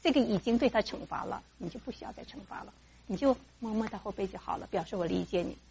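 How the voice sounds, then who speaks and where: In a church teaching for mothers about raising kids in faith, a woman talks quickly in a gravelly mid-range voice, bringing parent and child voices to life with energy. There's slight background noise.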